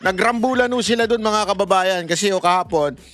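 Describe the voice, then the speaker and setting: A man's voice: sits high, brisk, fairly bright tone, no room sound, soft background music. A man giving casual political commentary, mocking and often laughing, addressing viewers directly and mixing in English phrases. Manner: mixes English phrases into talk.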